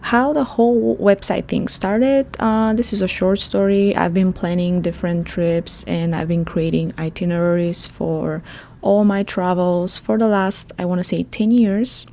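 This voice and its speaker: Podcast host: Bulgarian woman, 30s, chatty and laughing, lowish warm tone. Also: steady tone, a little slow, slight background noise. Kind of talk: solo podcast monologue.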